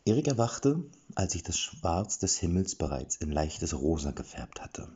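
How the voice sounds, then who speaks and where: A man reading a fantasy story aloud, expressive, with occasional slips and restarts. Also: low voice, a little slow, husky, dull audio.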